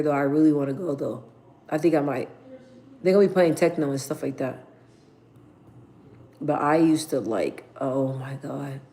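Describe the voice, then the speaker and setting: Woman in her thirties livestreaming from her mom's place on a phone, kinda low voice, rambly and slangy, lots of "like" and "bro". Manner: rambling, slangy, chatty with many fillers. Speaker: livestream host. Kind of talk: casual livestream chat with viewers. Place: her mother's house, indoors.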